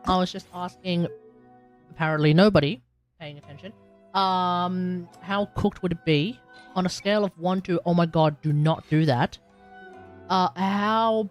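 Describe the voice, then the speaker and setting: Here a young adult Australian gamer rambles casually on stream, thinking aloud, chatting to viewers and breaking into sudden loud outbursts. His voice is mid-range.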